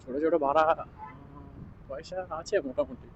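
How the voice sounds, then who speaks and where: Man speaking quietly while riding in traffic. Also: a little high, steady tone, normal speed, muffled recording. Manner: talks quietly because his mic distorts. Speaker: bike taxi rider vlogging. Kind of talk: casual ride-along vlog chat. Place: outdoors on a scooter in city traffic. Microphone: action camera mic while riding. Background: wind and traffic noise.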